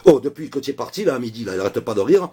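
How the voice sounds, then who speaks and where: A man with a broad Marseille accent spins a tall tale, his husky voice swooping up and down as he goes. He talks in a loose, chatty rush, dropping filler words at the end of almost every phrase. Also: mid-range voice, rapid-fire. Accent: Marseille French. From Marseille, France. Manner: animated, loose and colloquial, full of hein and quoi fillers. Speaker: joke teller. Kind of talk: casual joke storytelling.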